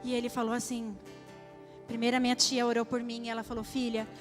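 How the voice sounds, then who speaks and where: A woman's voice: on the high side, completely flat delivery, fast, faint music behind. A young adult woman from Brazil giving an emotional testimony at church, speaking straight to the congregation. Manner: emotional, addresses the audience directly. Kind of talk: testimony sermon.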